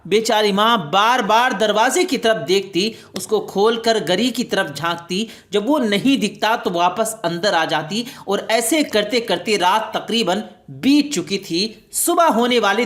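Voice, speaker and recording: A woman's voice: medium pitch, expressive, hardly any pauses. A woman storyteller giving a scripted, dramatic narration of a moral tale.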